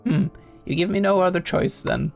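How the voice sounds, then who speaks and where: A man's voice: high voice, normal speed, gravelly, soft background music, voice pushed up. A man voicing a whiny, guilt-tripping graveyard boss in a game intro, pleading and then menacing.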